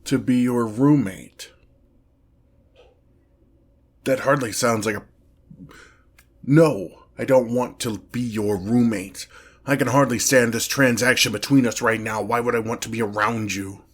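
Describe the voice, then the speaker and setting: In a scripted ASMR fantasy roleplay of one-sided dialogue, a male character performer voices a haughty, exasperated demon lord who is grandiose but petty. His fairly low, steady, natural voice sounds indignant, speaking pompously and formally in slow, deliberate phrases punctuated by irritated sighs.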